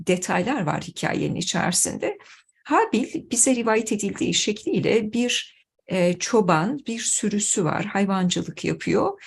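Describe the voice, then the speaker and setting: A woman, middle-aged, giving a measured, earnest religious talk to her followers as their teacher. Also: medium pitch, creaky, slightly rough.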